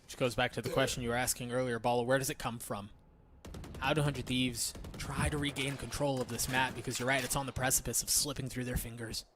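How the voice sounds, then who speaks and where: A man giving live esports play-by-play as a caster, in a delivery built for excited calls. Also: mid-range voice, quick pace, a little hiss or hum. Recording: game gunfire and clicks behind voice.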